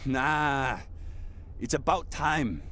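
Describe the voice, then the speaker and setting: A pushy, indignant hotel guest in an adventure game. He speaks slowly and emphatically at a middling pitch, with clear noise behind him. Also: lively intonation, a bit bright. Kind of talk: video game character acting. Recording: clearly noisy background.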